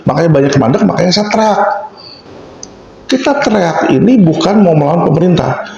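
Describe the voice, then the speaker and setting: A man's voice: a little high, expressive, brisk, vocal fry, darkish tone, a little hiss or hum. A middle-aged man, an advocate, talking emphatically and animatedly in an interview and acting out the voices of people he quotes. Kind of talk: impassioned interview talk. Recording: dull, echoey room sound.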